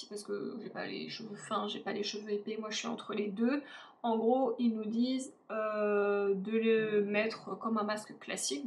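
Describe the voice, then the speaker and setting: A woman reviewing beauty products she has used up, chatting casually with frequent fillers and restarts. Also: a little high. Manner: chatty, hesitant with many fillers. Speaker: beauty vlogger. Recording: echoey room, faint ambient noise.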